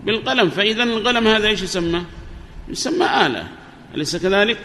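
A man's voice: high-pitched, lively intonation, fast, a bit bright. A man teaching an Arabic grammar lesson on a microphone, asking his students questions and repeating their answers. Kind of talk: classroom lesson explaining a grammar poem. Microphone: amplifier microphone. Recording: reverberant hall, faint background noise.

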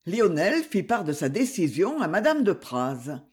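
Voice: mid-range voice, breathy edge. A narrator reading a classic novel aloud as an audiobook. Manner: slow, expressive literary reading.

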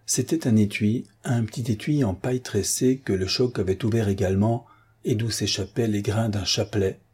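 A man reading a classic novel aloud as an audiobook narrator, calm and measured. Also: lowish voice, breathy edge.

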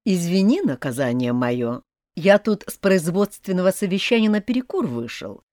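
A sardonic, teasing male demon voiced by a woman reader in a storybook reading. His dry mockery rises and falls in lively pitch, and the voice sits close and dry on the mic. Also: moderate pace, dry recording. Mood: mocking.

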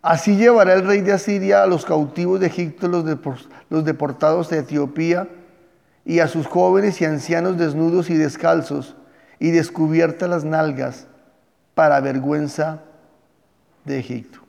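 A man, a pastor teaching a Bible class and telling the stories with lively energy. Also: on the high side, moderate pace, creaky, in a large hall. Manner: lively storytelling, addresses class as "hijos".

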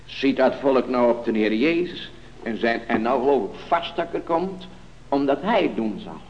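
A man preaching a sermon, in a solemn cadence that builds to loud, emphatic stretches. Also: mid-range voice, lively intonation, normal speed, slight background noise. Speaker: pastor. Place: church. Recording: old lo-fi church recording with long reverb.

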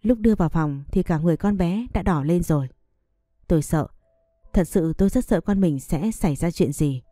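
A woman narrating a first-person family story and reading every role in an even, unhurried way. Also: fairly low pitch, no room sound, clean studio sound, faint music behind.

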